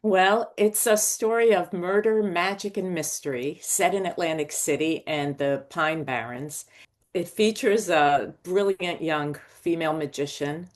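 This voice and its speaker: Low-voiced older woman telling her story. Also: a little slow. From Morocco. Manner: animated, digressive storyteller. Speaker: novelist and screenwriter guest. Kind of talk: podcast interview storytelling.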